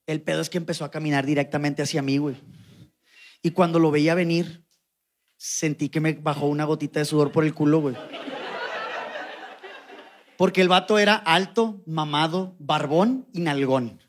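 A young man with a Mexican Spanish accent telling a comic story on stage, slangy and animated, now and then mimicking the people in it. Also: on the high side, moderate pace, pauses often, a little hiss or hum. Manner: slangy, animated, mimics voices in quoted lines. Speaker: stand-up comedian. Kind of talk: stand-up storytelling. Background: audience laughter.

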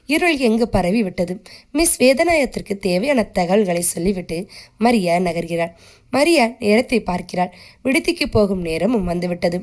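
A woman reading a short story aloud as a steady, scripted narration, keeping the characters close to her own voice. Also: medium pitch, normal speed.

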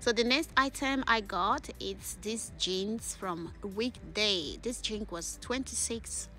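A woman talks through a clothing try-on haul in a mid-pitched, conversational voice. She is chatty and enthusiastic, and she often ends a phrase with a questioning "okay?". Faint music plays underneath. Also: takes it slowly, bright, forceful tone. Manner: switches to voice-over narration partway. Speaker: vlogger. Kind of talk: casual try-on haul vlog.

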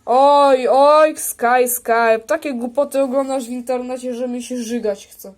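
A woman's voice: high-pitched, fairly even intonation, unhurried. A woman improvising a toy role-play, voicing several bickering characters in a playful way. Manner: playful, bickering, switches between character voices. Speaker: toy video creator.

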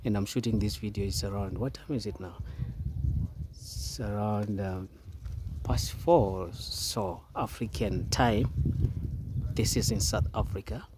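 Low-voiced man hosting an outdoor vlog. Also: measured pace, pauses often, background noise. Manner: chatty, repeats answers back. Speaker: video host and interviewer. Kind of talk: casual vlog interview. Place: outdoors at a plant nursery.

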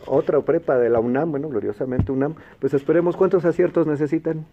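A Mexican man with a Mexican Spanish accent hosts an educational quiz show, speaking clearly and patiently and repeating the answer options slowly. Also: a little high, slight background noise. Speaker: quiz host and teacher. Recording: dull lo-fi broadcast sound.

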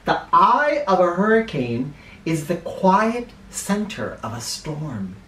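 Here a middle-aged American man with a high-pitched voice reads a picture book to children, hosting with asides along the way. He stretches out his words for drama with very animated, swooping intonation. The camera in the small living room picks up roomy sound and a little hiss or hum.

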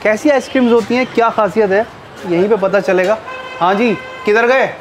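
At a moderate pace, a middle-aged vlogger with a high-pitched voice tastes food and chats about it enthusiastically in a small eatery. The lapel mic picks up a little hiss or hum, and background music sits under his voice.

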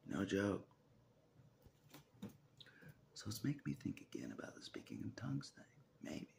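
Speaking at a normal pace, this fortyish religious vlogger has a fairly low, creaky, sing-song voice with a darkish tone. Holding his phone at arm's length in a small room, he wanders through his personal vlog with faltering restarts, repeated phrases and asides he half whispers.

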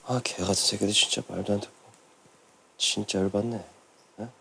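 A grumbling hospital boss who mutters his complaints under his breath. His voice swings a lot in pitch. The sitcom recording has a clear layer of noise behind it. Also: very animated, fast. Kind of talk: improvised sitcom scene. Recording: noisy background.

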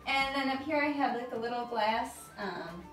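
A woman's voice: on the high side, lively intonation, moderate pace, a bit bright. A woman in her thirties giving a casual house tour in a chatty, gushing show-and-tell manner, recorded in a room at some distance from the camera. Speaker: home decor vlogger giving a house tour. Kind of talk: casual home tour narration. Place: living and dining rooms of a house. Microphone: camera a few metres away. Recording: roomy, distant camera mic, music behind.

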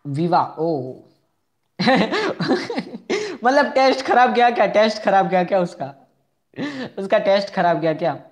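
A man's voice: sits high, lively intonation, moderate pace. Young guy live streaming a game, chatty, answers chat nonstop, keeps repeating stuff and begging for likes. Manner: chatty, answers viewers' chat messages one by one; repeats phrases, asks viewers for likes.

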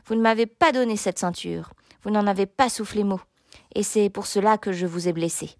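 A woman's voice: mid-range voice, moderate pace, darkish tone, no room sound, studio quality, lightly acted. A woman voicing a huge male knight in a storybook reading, taunting and sneering. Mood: explaining. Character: huge mocking male knight, later a kindly lord.

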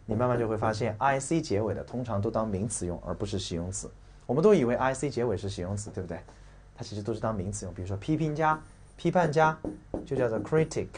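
Blunt, husky-voiced male vocabulary teacher. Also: mid-range voice. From China. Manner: brash and blunt, swears casually, mocks and rants mid-lesson; drills spellings and stress slowly, repeating key words. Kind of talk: recorded exam-prep vocabulary lesson.

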